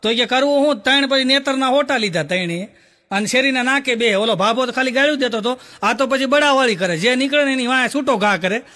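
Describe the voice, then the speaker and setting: A man's voice: very high-pitched, quick pace, bright, forceful tone. A man telling jokey stories on stage as a stand-up comedian. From Gujarat, India. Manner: jokey storytelling, punchline-driven. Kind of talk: live comic storytelling.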